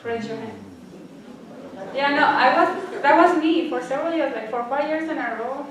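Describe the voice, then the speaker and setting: A woman's voice: high voice, moderate pace. A woman with a non-native English accent giving an earnest, encouraging speech to fellow students in a library event room. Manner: earnest, encouraging, addresses audience directly. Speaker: student speaker. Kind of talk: inspirational speech. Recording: very echoey room from far off.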